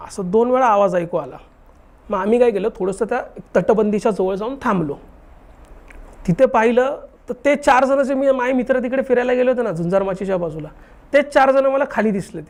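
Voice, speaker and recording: Speaking a little fast in a very high voice, this young male guest chats casually about a true haunted experience. He retells it animatedly, performing each line of dialogue.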